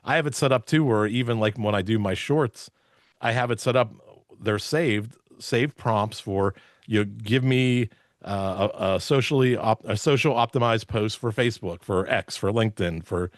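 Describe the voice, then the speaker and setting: A man's voice: lowish voice, moderate pace, no echo, clean studio sound. A man speaking as a podcast guest, explaining things casually and enthusiastically with punchy emphasis. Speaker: podcast guest, podcast theater owner. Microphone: video call, close dry mic.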